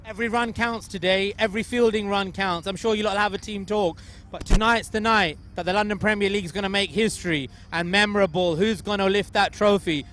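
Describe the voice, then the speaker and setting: A man's voice: sits high, steady tone, brisk, hardly any pauses, a bit bright, a little hiss or hum. A man interviewing cricket players outdoors before a final, effusive and directing players and camera. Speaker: pitchside interviewer. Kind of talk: cricket pre-match interviews. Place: outdoors at a cricket ground at night.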